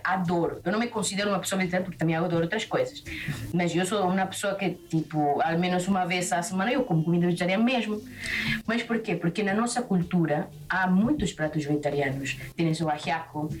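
A woman's voice: on the low side, recorded from a distance. Chatty Peruvian woman, slightly off-mic. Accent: Peruvian Spanish. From Peru. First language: Spanish. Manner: lively, talkative, restarts often. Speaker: chef, interview guest. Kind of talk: casual interview chat.

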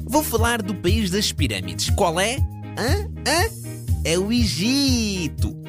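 Woman voicing animated boy travel guide, Kiko. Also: medium pitch, takes it slowly, over music. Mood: cheerful, eager. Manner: animated, addresses young listeners with questions. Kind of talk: scripted children's educational narration.

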